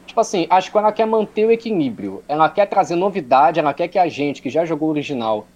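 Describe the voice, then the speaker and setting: Rambling man, lively pitch. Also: fast talker, muffled recording. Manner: rambling, lots of fillers. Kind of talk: casual gaming chat.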